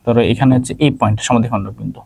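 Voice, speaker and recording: A man's voice: mid-range voice, fairly even intonation, very fast, creaky, darkish tone, husky, no echo. A male math teacher with a Bangladeshi Bengali accent, leading an online geometry class and checking in with students by name. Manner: checks in constantly with "ঠিক আছে?", asks and answers own questions.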